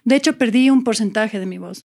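A woman's voice: a little high, brisk, gravelly, darkish tone. A woman in her forties, an actress speaking as a podcast guest, earnest and reflective as she talks in long, searching sentences. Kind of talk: candid conversational interview.

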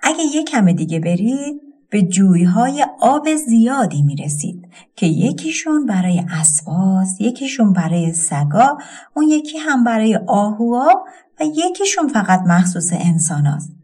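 A woman voicing a wise old man in a storybook tale, speaking in a calm, measured way. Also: fairly high pitch, breathy edge. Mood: cautioning. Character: old man advising lost children.

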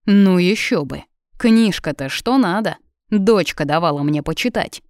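Woman reading a gruff, protective father. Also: fairly low pitch, lively intonation, measured pace, darkish tone, dry recording, clean studio sound. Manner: blustering, protective, interrogating. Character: worried gruff middle-aged father on the phone.

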